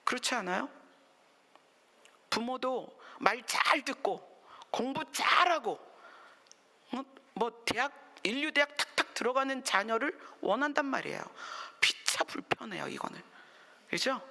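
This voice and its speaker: Gravelly bright-voiced woman pastor preaching. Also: a little high, expressive, measured pace, in a large hall. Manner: conversational preaching with rhetorical questions, dropping to whispers. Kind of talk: sermon. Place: church sanctuary.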